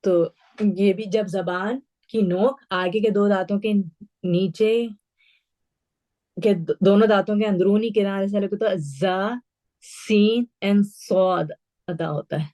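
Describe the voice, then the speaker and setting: A woman teaching Quran recitation, patiently explaining letter sounds and repeating each one slowly for her pupils, with English words mixed into her Urdu. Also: medium pitch, steady tone, dark tone. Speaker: tajweed teacher. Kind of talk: online class instruction.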